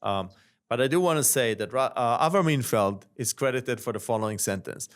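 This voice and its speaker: Male host putting careful questions to guests. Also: medium pitch. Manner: measured questions with small fillers. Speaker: podcast host. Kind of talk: interviewing guests.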